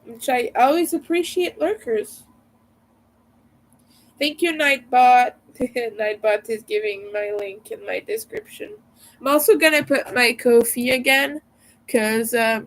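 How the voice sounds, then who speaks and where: A woman's voice: a little high, animated, slow, poor audio. A woman hosting a casual livestream chat in a rambling way, her voice congested and nasal from a cold, as if her nose were pinched. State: stuffy nose from a cold and allergies. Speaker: livestream host.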